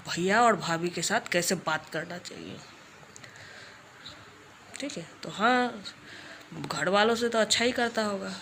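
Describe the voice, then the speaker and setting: A woman's voice: lowish voice, background noise. A young woman vlogger speaking straight to camera, scolding someone in a confrontational tone and repeating her warnings. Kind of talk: direct-to-camera rant vlog.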